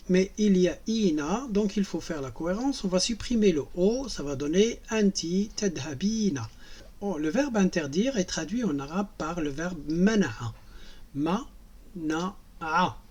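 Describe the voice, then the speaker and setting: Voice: medium pitch, lively intonation, a little slow, darkish tone, slightly rough, muffled recording. A teacher giving a language lesson in French, patiently spelling out and repeating each verb form. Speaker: Arabic teacher.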